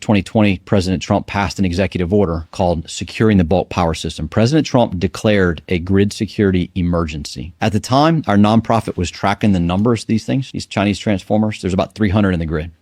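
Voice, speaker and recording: A man's voice: low-pitched, a little mellow, dry recording, studio quality. A man explaining a security concern in an interview, asking pointed questions. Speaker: nonprofit grid security advocate. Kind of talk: interview commentary.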